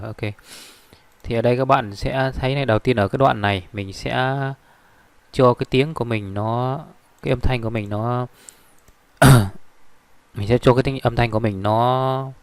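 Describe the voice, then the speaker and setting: A man walks through a software tutorial at his desk, talking fast in a gravelly, creaky voice. His delivery rambles along with fillers and restarts, and the recording sounds close and dry. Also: medium pitch, dry recording.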